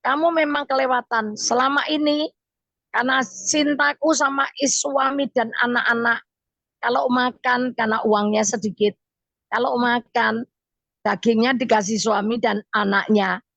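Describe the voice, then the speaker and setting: A woman acting out an exasperated wife scolding her husband in a story, in a shrill scolding tone. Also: fairly even intonation, normal speed, gravelly, fairly bright tone, no echo, highs cut off. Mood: indignant.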